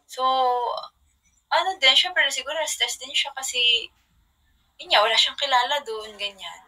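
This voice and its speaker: A young woman casually chatting on a livestream from her phone, telling rambling stories with soft trailing asides. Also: sits high, moderate pace, low-quality recording.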